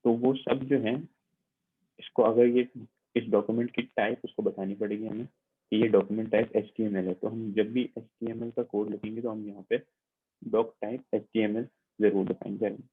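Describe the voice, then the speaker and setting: A man with a low, husky voice leads an online computing lab. He explains patiently and repeats his points, checking in with his class as he shows each step on screen. The sound is thin and tinny, like a phone line. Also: level tone, normal speed. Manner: patient, repetitive explaining with frequent check-ins.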